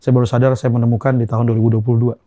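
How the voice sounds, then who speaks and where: A young man from Indonesia speaks quickly in a dark, mellow voice. He tells a personal testimony earnestly, halting and repeating phrases. The sound is dry and close, with little room. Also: medium pitch, little pitch movement, dry recording, highs cut off. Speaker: guest.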